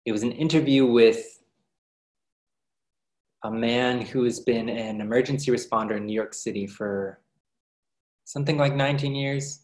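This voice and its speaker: A man giving a reflective spiritual talk to workshop participants, speaking in a gentle, unhurried, earnest way. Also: mid-range voice, fairly even intonation. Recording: roomy echoey sound.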